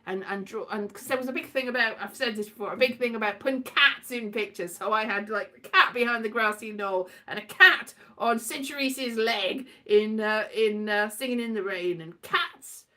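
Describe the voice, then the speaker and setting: Her voice a little high, bright and forceful, a woman talks at normal speed with hardly any pauses in a loose, rambling monologue. She's playful and scatterbrained, wandering off topic, repeating herself and performing quotes in silly voices.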